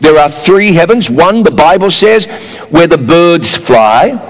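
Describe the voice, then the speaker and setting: A man preaching a sermon, animated, swinging between loud urging and low mocking asides. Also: measured pace, long reverb tail, low-quality recording.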